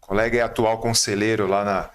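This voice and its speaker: A Brazilian man hosting a podcast interview, asking relaxed questions and adding brief affirmations. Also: on the low side, fast talker. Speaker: podcast host.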